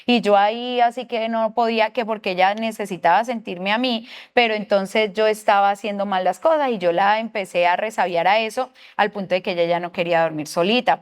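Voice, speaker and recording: Smooth-voiced Colombian woman teaching. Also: mid-range voice. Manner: earnest, asks the audience questions. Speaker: parenting class teacher at a church. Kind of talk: church teaching talk.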